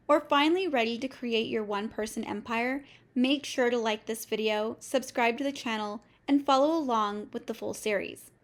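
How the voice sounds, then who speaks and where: A woman coach delivering a scripted motivational lesson in a measured, steady way, with short listed phrases. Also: on the high side. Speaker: business coach. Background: faint music.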